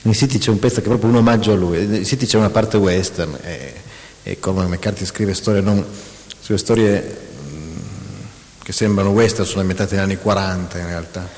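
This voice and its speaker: A man's voice: deep voice, brisk. Man talking in an echoey hall. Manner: animated, reads out mock prose passages, many restarts. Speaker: writer talking about his craft. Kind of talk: public talk with an interviewer.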